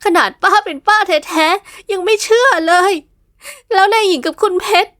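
A woman's voice: a little high, big pitch swings, fairly quick, fairly bright tone, no room sound, clean studio sound. A woman voicing a blunt, fretful middle-aged aunt who scolds and nags. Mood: scolding. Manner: scolding, nagging.

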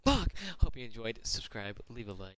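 A man's voice: fairly low pitch, big pitch swings, moderate pace, no echo. A teenage man telling a storytime vlog, crude and slangy, swearing constantly and boasting. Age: teens. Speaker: gaming YouTuber.

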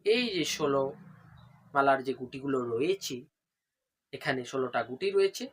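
A man giving a devotional how-to lesson, demonstrating step by step, often asking a question and then answering it himself, and chanting mantras slowly. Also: medium pitch, breathy edge. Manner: asks rhetorical questions then answers them. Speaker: religious instructor.

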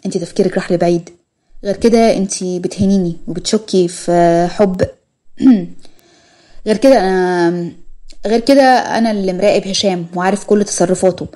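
A woman's voice: fairly low pitch, dark tone, close to an everyday voice. A woman with an Egyptian accent voicing a weary young male doctor who speaks earnestly and hurt. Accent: Egyptian Arabic.

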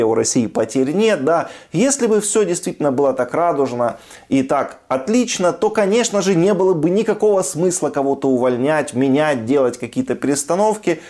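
A man's voice: medium pitch, darkish tone. A man in his thirties giving opinionated news commentary as a host, emphatic and repeating his points. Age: 30s.

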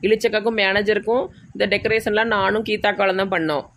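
A woman's voice: mid-range voice, little pitch movement, fast talker, a bit bright. A woman with a Tirunelveli Tamil accent in a village comedy skit, bossy and showy. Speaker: comedy sketch actor.

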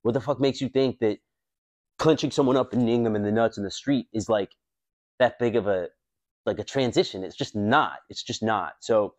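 A man's voice: fairly low pitch, moderate pace. Blunt, profane man talking to camera. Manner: blunt and profane, lots of fillers. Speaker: self-defense channel host. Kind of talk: casual talk to camera. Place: high-rise room by a window.

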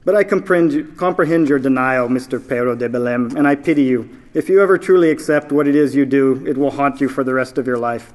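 A man reading aloud, voicing a dignified, calm enslaved man who speaks with grave, measured words. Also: mid-range voice, natural voice.

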